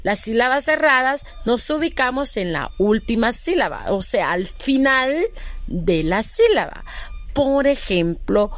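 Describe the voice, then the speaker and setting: Slow, careful woman teaching syllables. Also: on the high side, animated. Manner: asks the listener questions and praises answers. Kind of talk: educational broadcast lesson for young children.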